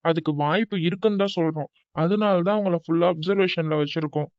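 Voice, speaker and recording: A man voicing a calm, reassuring doctor. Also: high voice, fast, clean tone, no echo, natural voice. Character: calm male hospital doctor. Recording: dull dry recording with faint music.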